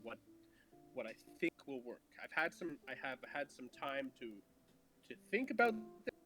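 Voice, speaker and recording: A man's voice: mid-range voice, big pitch swings, bright, forceful tone, soft background music. A man voicing an arcane male being in a tabletop game, his voice clipping in and out over voice chat so words get cut off. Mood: earnest. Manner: halting, words chopped off mid-phrase. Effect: voice clipping in and out, cutting off words. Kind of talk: in-character roleplay over voice chat.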